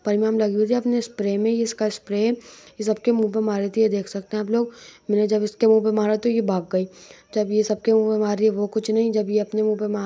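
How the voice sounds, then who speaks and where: A woman's voice: mid-range voice, dark tone. A young woman narrating a casual family vlog in a chatty way, often repeating herself and restarting lines. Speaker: vlogger.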